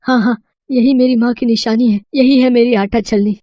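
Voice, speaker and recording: A man's voice: very high-pitched, steady tone, normal speed, no echo, muffled recording. A performer voicing an honest, kind young male villager in a cartoon, earnest and polite. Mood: joyful.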